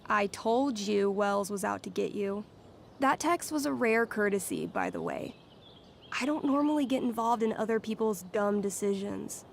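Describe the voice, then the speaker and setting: A woman's voice: medium pitch, animated, moderate pace, creaky, slight background noise. A woman voicing a friendly, candid teenage girl student in a video game, chatty and conversational. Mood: wry, friendly.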